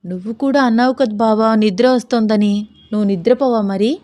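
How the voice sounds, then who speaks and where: A woman's voice: fairly high pitch, a little fast, warm tone, dry recording, natural voice. A woman voicing a shy young bride who speaks bashfully and hesitantly in a storybook reading.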